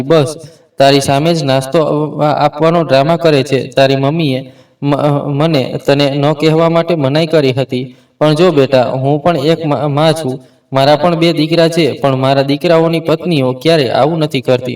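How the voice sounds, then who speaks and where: A man voicing a kind but firm older neighbor woman who gently scolds and advises. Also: a little high, recorded from a distance, natural voice, low-quality recording. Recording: voice set back from the mic.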